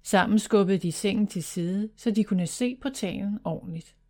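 A woman reading a children's fantasy story aloud, in steady, even narration. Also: medium pitch.

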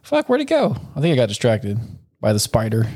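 A young man chatting casually on a podcast, cursing freely and laughing often. His voice sits at a middle pitch. He talks in a loose, rambling way. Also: huge pitch swings, brisk, a little mellow, slightly rough. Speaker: podcast co-host. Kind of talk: casual chat.

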